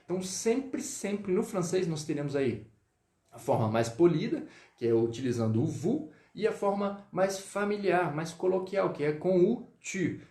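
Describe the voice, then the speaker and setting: A man teaching French in a live online lesson, greeting viewers and drilling pronunciation slowly. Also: high voice, animated, mellow, roomy sound. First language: Portuguese.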